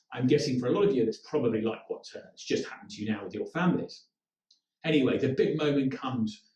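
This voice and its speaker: A man's voice: medium pitch, animated, a little fast, darkish tone, recorded from a distance. Man giving a leadership talk. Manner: direct, instructive, with acted-out quotes. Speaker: leadership trainer. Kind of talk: presenting a training talk. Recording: echoey room, mic some way off.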